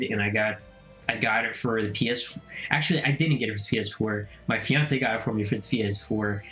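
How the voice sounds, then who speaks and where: A young man hosting a casual gaming vlog, talking excitedly and breaking into mocking silly voices. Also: medium pitch, muffled recording. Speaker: gaming video host. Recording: echoey room, faint music.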